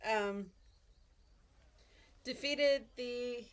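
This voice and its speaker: A woman in her twenties recapping a tabletop game session as dungeon master, relaxed and halting with many pauses and restarts. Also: on the high side. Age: 20s.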